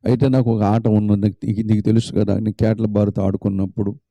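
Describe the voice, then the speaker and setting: A man's voice: fairly low pitch, flat delivery, fast, dark tone, no echo. A man voicing a remorseful young boy who confesses a wrong to his father in a retold story. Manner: pleading, confessing.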